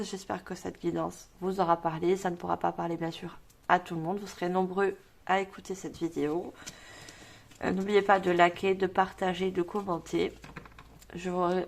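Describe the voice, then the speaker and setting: Woman, tarot reader, rambling delivery with lots of fillers, mid-pitched, everyday voice. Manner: rambling, fillers and self-repeats, reads cards aloud. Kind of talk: tarot reading video.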